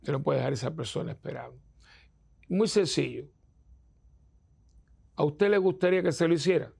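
Man, priest, sermon, very gravelly, husky, emphatic. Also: fairly high pitch, animated, normal speed, darkish tone. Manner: emphatic, acts out quoted voices.

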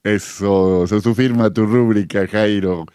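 Devout Mexican radio host. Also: male voice, fairly low pitch, measured pace, smooth, no echo, clean studio sound. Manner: warm, devout, animated greetings.

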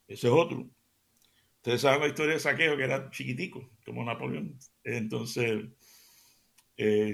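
Gravelly man preaching on radio. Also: mid-range voice. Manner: animated, dramatic storyteller who drops to soft near-whispers for emphasis. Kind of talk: radio devotional storytelling.

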